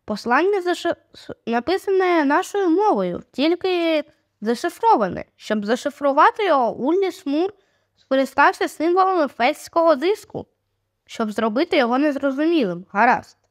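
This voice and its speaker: A woman voicing a subdued, thoughtful boy who speaks in a hushed way. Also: high voice, animated, moderate pace. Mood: explaining. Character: quiet, thoughtful boy, withdrawn brother.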